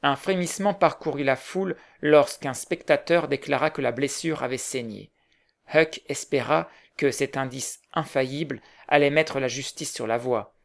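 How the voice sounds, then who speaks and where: A man narrating a novel aloud in measured storytelling. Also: mid-range voice, vocal fry. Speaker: audiobook narrator. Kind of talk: scripted narration.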